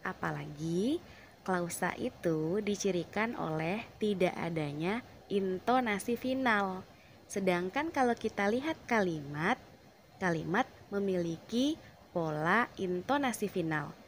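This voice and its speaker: Woman teacher, unhurried classroom explanation, emphatic stresses on key words. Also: mid-range voice, animated, a little hiss or hum. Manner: slow, deliberate, stresses words with rising emphasis.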